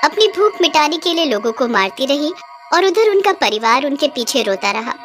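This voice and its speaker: A woman narrating a horror cartoon story in a clear, even storytelling manner. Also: sits high, normal speed. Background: music.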